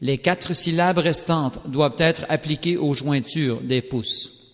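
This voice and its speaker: A man reads a sacred text aloud in a slow, solemn, carefully measured recitation. His voice sits a little higher than most men's, and a long reverb hangs after each phrase. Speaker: scripture reader. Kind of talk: scripted scripture reading. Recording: long reverberant hall sound.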